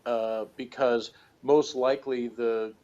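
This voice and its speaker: A podcast co-host reviewing a TV show speaks slowly in a mid-range, steady, dark-toned voice, and the audio is dull. His unscripted talk is casual, hesitant and rambling, often circling back over his own phrases.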